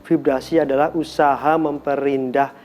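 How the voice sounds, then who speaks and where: A man's voice: mid-range voice, level tone, moderate pace, darkish tone. A man teaching an online singing lesson, explaining breathing and demonstrating scales. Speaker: music lecturer.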